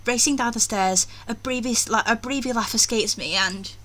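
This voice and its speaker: A woman with a fairly bright, somewhat high voice speaks at a moderate pace while hosting a gaming video. She reads a story aloud theatrically and drops in casual commentary, with faint music playing behind her.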